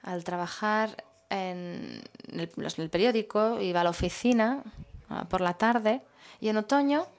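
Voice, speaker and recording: A woman with a medium-pitched voice works as a simultaneous interpreter at a public talk. She speaks in measured phrases, pausing as she searches for the next word.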